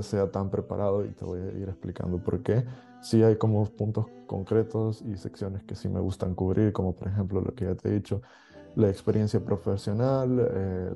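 A man from El Salvador with a Salvadoran Spanish accent, hosting a podcast in a relaxed, conversational monologue with fillers and light chuckles. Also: low-pitched, gravelly. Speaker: podcast host.

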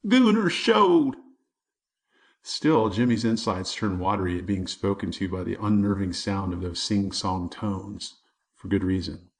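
A man's voice: sits low, little pitch movement, normal speed, darkish tone. A man narrating a children's chapter book in a vivid storytelling manner. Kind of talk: audiobook narration.

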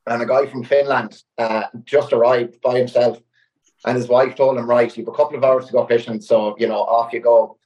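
A man's voice: mid-range voice, normal speed, lo-fi sound. A young man, telling a fishing story in casual chat, full of "like" fillers. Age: young adult. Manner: animated anecdote-telling with many "like" fillers. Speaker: guest angler. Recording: roomy echoey sound.

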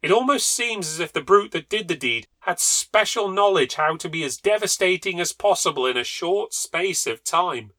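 A man voicing an agitated, fussy husband who keeps poultry and a flower garden, speaking raised and excitable. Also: high-pitched, moderate pace, few pauses, dry recording, pitched above the performer's own voice.

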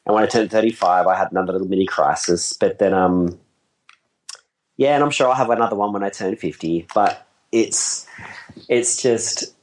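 This wedding photographer in his forties has a voice on the low side and speaks at a normal speed over poor audio. His casual conversation meanders, full of self-deprecation and easy laughter.

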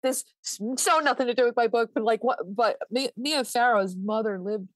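A woman's voice: a little high, normal speed, dry recording, low-quality recording. A woman author being interviewed, speaking emphatically and repeating words to drive points home. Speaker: author and researcher guest. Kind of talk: conversational interview.

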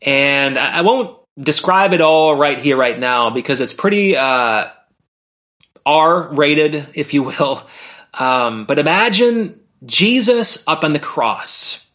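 Slow, thoughtful male podcast host. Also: fairly high pitch, animated, sharp tone. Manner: thoughtful, asks the listener questions, uses fillers. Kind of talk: reflective podcast commentary.

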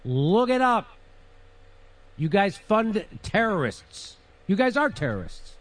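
A male commentator speaks in a clip played on the show. His tone is sarcastic and mocking, and he reels off lists at speed. His pitch sits a little high. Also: big pitch swings, slow pace.

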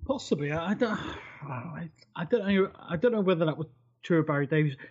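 A man chatting on a football podcast, relaxed and agreeable. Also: fairly high pitch, fairly quick, husky, lo-fi sound. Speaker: podcast co-host. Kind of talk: casual chat.

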